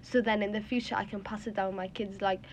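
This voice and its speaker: A young woman hosts a casual group discussion, rephrasing herself as she goes. Her mid-range voice is fast with fairly even intonation. The recording clearly picks up background noise and room ambience.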